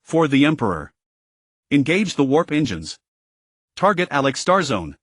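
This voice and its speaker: A man's voice: a little high, big pitch swings, unhurried, dry recording, clean studio sound. A man voicing a stern male space fleet commander who speaks resolutely to rally his troops. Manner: resolute, declaiming.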